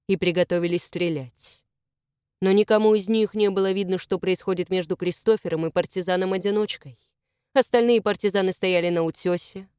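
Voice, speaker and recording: A woman narrating an adventure novel in a steady, expressive reading style. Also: on the low side, clean tone, no room sound, clean studio sound. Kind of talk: audiobook narration.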